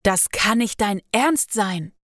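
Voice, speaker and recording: Bossy karate teacher, read by a woman; slow, outraged, dry. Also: mid-range voice, no room sound, close to an everyday voice. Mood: indignant. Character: gruff male karate teacher, bossy and scornful.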